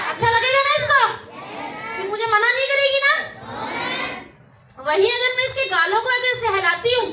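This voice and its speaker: A woman trainer teaching schoolchildren about safety, coaxing them with questions. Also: very high voice. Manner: coaxing, asks children questions. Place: school event with children. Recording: echoey, distant, crowd and noise.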